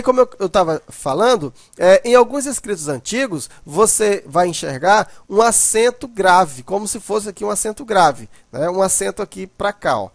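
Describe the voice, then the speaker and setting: A man's voice: high-pitched, vocal fry, dry recording, studio quality. A man teaching a grammar lesson, explaining step by step and often checking in with "né".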